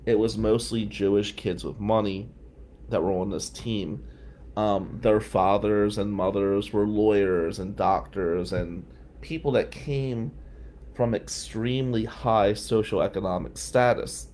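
A man's voice: lowish voice, steady tone, unhurried, darkish tone, slight background noise. A middle-aged man from New Jersey hosting a live stream, telling a rambling story with many tangents. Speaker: host.

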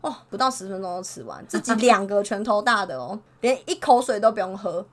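A woman who works as a preschool teacher, telling a story in a casual chat, animated and exasperated. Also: medium pitch, a little fast.

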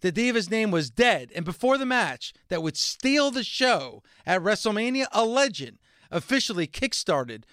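Male radio host for scripted sports narration, high smooth voice, dry studio sound. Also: big pitch swings, normal speed, a bit bright, no room sound.

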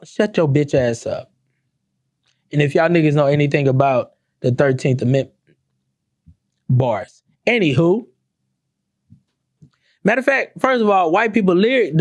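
A young adult man ranting comedically to camera, profane and animated, breaking into mock-sung lyrics. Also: sits high, no echo, studio quality. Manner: animated, profane, sings song lyrics mockingly. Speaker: commentator.

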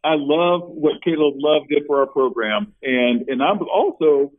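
A man's voice: on the high side, unhurried. A middle-aged man, a former college basketball player, telling stories as a guest over the phone with many restarts. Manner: storytelling, many restarts, animated when quoting. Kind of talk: casual interview over the phone. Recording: tinny phone line.

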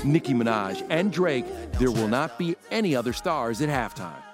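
A man's voice: medium pitch, very animated, normal speed. A man voicing an entertainment news segment in a punchy, upbeat read. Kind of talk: news package voice-over. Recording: music bed under the voice. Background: music.

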